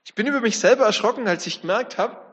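A man with a high voice gives a sermon, reflective in tone and turning often to his listeners with questions. His words ring out with a long reverb in a church hall. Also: quick pace, fairly bright tone, muffled recording. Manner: reflective, speaks to the congregation directly. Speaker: preacher.

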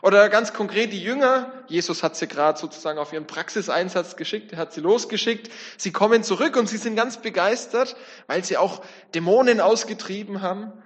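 A man's voice: sits high, brisk. A man preaching a sermon, talking reflectively and speaking straight to his congregation. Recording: long church reverb.

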